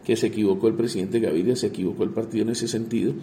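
A man speaks in a very dark, mellow voice and a lowish register. He answers as a congressman in an interview, halting and repeating small words as he searches for the next phrase. Faint noise hums behind him. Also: fairly even intonation.

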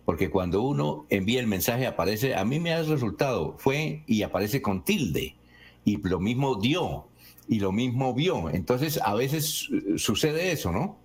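A man hosting a morning radio show, reading out listener questions and chatting with his guest in a halting, conversational way. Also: mid-range voice, very animated. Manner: conversational, halting with restarts when asking. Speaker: radio host.

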